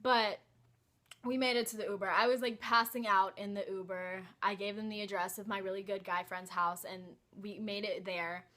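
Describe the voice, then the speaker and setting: Bright-voiced young woman telling a story. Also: medium pitch, flat delivery, normal speed. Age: young adult. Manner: hesitant, many "like" and "um" fillers. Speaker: vlogger. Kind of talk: casual storytime vlog.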